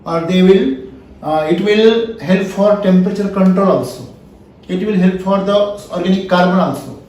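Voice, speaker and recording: High-voiced Indian man lecturing in echoey hall. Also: moderate pace, darkish tone, recorded from a distance. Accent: Indian English. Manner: repetitive questioning, asks "yes or no?". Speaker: founder giving a farming seminar. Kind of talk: lecture with audience call-and-response. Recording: echoey room recorded from afar.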